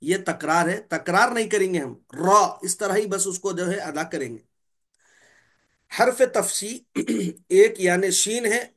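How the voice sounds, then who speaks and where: High-voiced man teaching tajweed slowly. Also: a bit bright. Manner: demonstrates letter sounds slowly, repeating each one; clears his throat often. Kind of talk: Quran recitation lesson.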